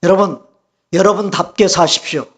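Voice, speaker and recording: A male pastor delivering a Sunday sermon, his voice sitting high for a man. He keeps turning to the congregation with rhetorical questions, pushing his voice up and louder on his key points. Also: moderate pace.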